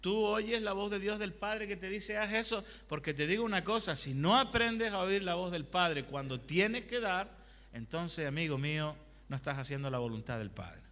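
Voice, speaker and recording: Bright-voiced male pastor preaching. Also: sits high, lively intonation, normal speed. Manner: conversational preaching with rhetorical questions; tells personal anecdotes. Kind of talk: sermon. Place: church hall. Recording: long hall reverb.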